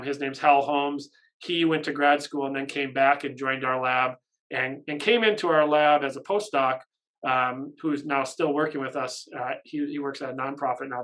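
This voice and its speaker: A man in his thirties, a professor answering questions informally, with an excited, caffeinated manner that comes in emphatic bursts. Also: medium pitch, poor audio. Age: 30s. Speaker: university professor and research lab head. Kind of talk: informal Q&A talk about research. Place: small office, indoors.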